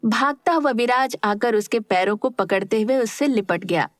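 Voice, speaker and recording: A woman narrating a serialized romance audio drama in a steady storytelling manner. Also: mid-range voice, moderate pace, dry recording, clean studio sound. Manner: steady storytelling, voices all parts.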